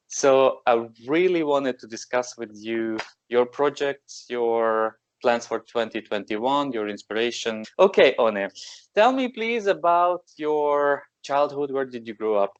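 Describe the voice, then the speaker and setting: A man's voice: medium pitch, smooth, dry recording. A man hosting a podcast who interviews a guest over a call, in a friendly and encouraging way. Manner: friendly, encouraging, asks open questions. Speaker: podcast host. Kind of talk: casual interview. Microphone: remote call. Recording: dry, dull lo-fi sound.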